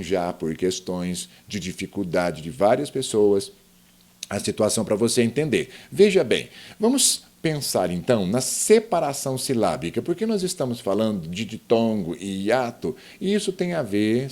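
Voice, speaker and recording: Lively male grammar teacher. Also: on the low side. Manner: explains step by step, asks viewers questions. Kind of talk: online grammar lesson.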